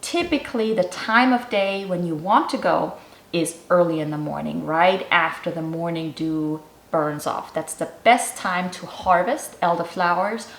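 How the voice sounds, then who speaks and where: A middle-aged woman from Germany hosts her cooking channel, talking through a fermentation recipe in a chatty, instructive way. Her voice sits a little low for a woman. The sound is roomy, with a clear echo around her. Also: unhurried, a bit bright. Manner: chatty and instructive, explaining step by step. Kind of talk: casual how-to vlog narration.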